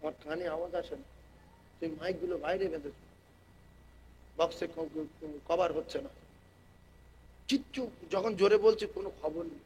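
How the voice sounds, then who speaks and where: At an outdoor religious gathering with loudspeakers, a man preaches over a public address mic, shifting from quiet, chatty explanation to loud, drawn-out chanting and rallying call-and-response with the crowd. His voice is a little high, and the rough recording carries slight background noise.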